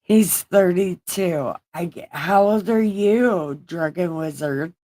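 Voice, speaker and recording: A woman in her forties hosting a casual livestream, loud and joking as she teases her friends. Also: lowish voice, slow pace, no room sound, low-quality recording. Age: 40s. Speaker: livestream host.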